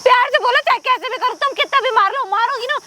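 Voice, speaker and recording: A woman's voice: extremely high pitch, noisy background. Woman playing a defiant young daughter-in-law. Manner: defiant, indignant, talking back fast. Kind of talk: staged confrontation drama.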